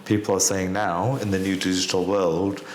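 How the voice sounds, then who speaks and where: A man from Manchester hosting a podcast interview, agreeable and quick to affirm. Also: sits low, level tone, reverberant, slight background noise. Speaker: podcast host.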